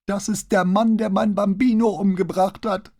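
A man's voice: sits high, steady tone, moderate pace, a little mellow, voice pushed up. A man reading an audiobook voices a confused, frail old woman who shrieks in terror. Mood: hysterical screaming. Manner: shrieking, frantic.

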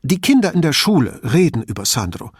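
A man's voice: fairly high pitch, sing-song, husky, no echo, clean studio sound, voice pushed up. A man voicing a worried, defensive woman professor who talks about her son in a storybook reading. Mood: anxious. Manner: tense and quick to bristle.

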